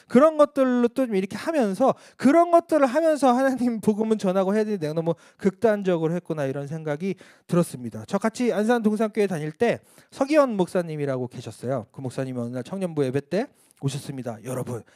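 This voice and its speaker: A man's voice: high-pitched, lively intonation, quick pace, hardly any pauses, darkish tone, no echo, clean studio sound. A male missionary preaching a candid testimony sermon at a church service, telling his story in a frank, self-mocking way.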